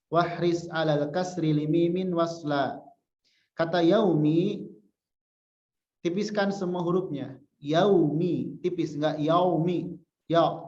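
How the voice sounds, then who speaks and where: A man's voice: on the high side, darkish tone. A male religious teacher giving a Quran recitation lesson, patiently repeating syllables to show correct pronunciation. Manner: chants example verses slowly. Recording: echoey room, dull lo-fi sound.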